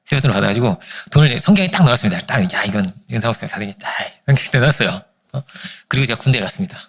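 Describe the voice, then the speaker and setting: A man preaching a Sunday sermon as pastor, telling stories with animated voices for the people in them. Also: rapid-fire, vocal fry. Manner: animated storytelling, acting out family quarrels in high voices.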